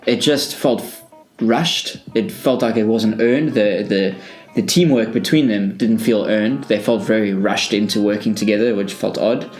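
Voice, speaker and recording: A man's voice: fairly low pitch, normal speed, few pauses, a little mellow, faint music behind, poor audio. A man co-hosting a podcast in casual chat, giving strong opinions and thinking aloud with frequent restarts. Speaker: podcast co-host.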